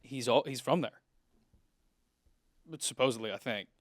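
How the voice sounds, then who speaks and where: A man in his twenties chats on a podcast in a relaxed, conversational way, often chiming in with short replies. His pitch sits in the middle range. The recording is dry and close. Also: moderate pace, dry recording. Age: 20s. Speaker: podcast co-host. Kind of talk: casual podcast chat.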